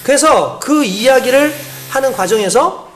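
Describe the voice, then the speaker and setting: Animated woman preaching a sermon. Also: high-pitched, measured pace, a little hiss or hum. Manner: explanatory, asks the congregation rhetorical questions. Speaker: pastor.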